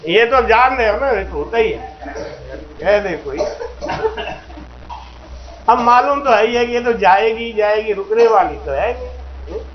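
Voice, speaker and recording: Man, high voice, slow unhurried delivery, storytelling sermon, folksy voiced characters, sung devotional verses, roomy lo-fi recording, faint noise. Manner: acts out characters in folksy dialogue, breaks into slow chanting. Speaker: spiritual teacher giving a satsang discourse. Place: religious gathering hall.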